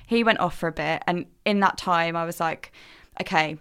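A woman's voice: fairly low pitch, moderate pace, clean tone. A young woman tells a story in a casual podcast chat, acting out what people said and laughing often. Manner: animated, acts out the voices in her stories, laughs often. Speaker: podcast co-host.

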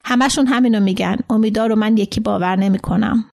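A woman's voice: mid-range voice, fairly even intonation, gravelly, dark tone, close to an everyday voice. Woman voicing a paranoid older man in hiding. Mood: sly, certain. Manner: frightened, then slyly certain.

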